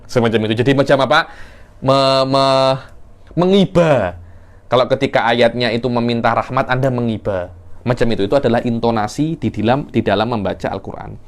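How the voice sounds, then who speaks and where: Man, religious teacher, animated classroom lecture with sudden pitch jumps. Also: fairly quick. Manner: animated, acts out verse intonation with sudden pitch leaps. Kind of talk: classroom lecture on Quran recitation.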